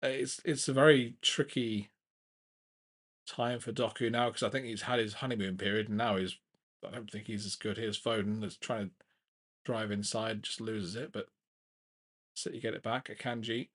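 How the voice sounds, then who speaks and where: A young man hosting a live football watchalong, giving casual play-by-play with frequent restarts and getting excited at big chances. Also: on the low side, normal speed. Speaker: watchalong host.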